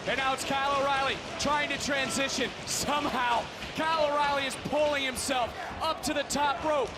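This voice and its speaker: A man delivers excited wrestling play-by-play in a very high, strained-up pitch. He shouts dramatic calls in short bursts. Heavy arena noise surrounds his voice. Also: normal speed. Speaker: lead play-by-play wrestling commentator. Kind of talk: excited live wrestling commentary.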